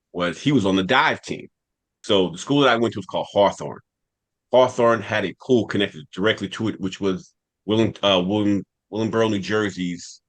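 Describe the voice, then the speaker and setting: A man hosting a podcast and telling a rambling personal story from childhood, with a New York accent. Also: fairly low pitch. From United States. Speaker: podcast host. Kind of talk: casual storytelling.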